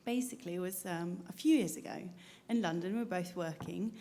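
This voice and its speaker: A woman's voice: fairly low pitch, a little fast, warm tone, a little hiss or hum. A woman violinist chatting to a live audience on a cruise ship stage, telling a story between pieces through a stage mic.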